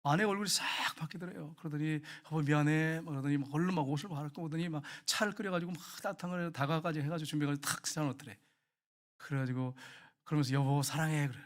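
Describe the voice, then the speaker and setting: A middle-aged man preaches in a slightly high voice. He tells everyday stories in a relaxed, colloquial way, acting out the scenes as he goes. He often turns to address his congregation directly. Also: racing. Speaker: pastor. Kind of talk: sermon.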